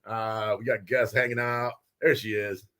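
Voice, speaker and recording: A man hosting a casual live show from a small studio with guests, loud and excitable, often laughing. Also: fairly low pitch, measured pace. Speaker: host.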